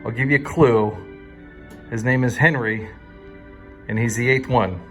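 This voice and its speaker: A man's voice: medium pitch, steady tone, unhurried, fairly bright tone, faint music behind. Chatty man touring a wax museum. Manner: chatty, quizzes viewers with questions; hesitant, frequent fillers and restarts. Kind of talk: casual walk-through commentary.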